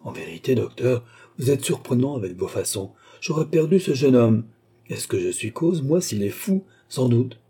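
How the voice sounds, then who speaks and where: A man's voice: medium pitch, animated, moderate pace, dark tone, breathy edge. A man reading an impatient, imperious queen. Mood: indignant. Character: proud impatient queen, middle-aged woman. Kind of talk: audiobook character reading.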